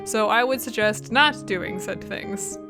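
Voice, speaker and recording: A woman's voice: mid-range voice, a little slow. A woman casually commenting on gameplay as a let's play host, chatty and full of joking asides. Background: game music.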